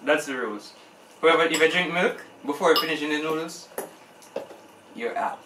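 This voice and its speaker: A man's voice: a little high, moderate pace. A man chatting casually as a participant in a vlog challenge. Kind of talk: casual chat. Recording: echoey room, far mic, clear noise.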